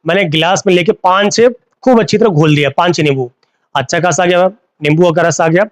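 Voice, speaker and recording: A man's voice: sits high, a little fast, dry recording. A man teaching a live online class, repeating key terms as questions to his students and mixing in English. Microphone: phone.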